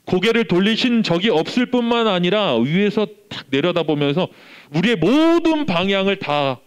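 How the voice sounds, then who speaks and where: A man's voice: high voice, moderate pace, smooth. A young male pastor giving a sermon to a youth group, telling a family story and acting out the voices in it. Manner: animated storytelling, acts out quoted voices.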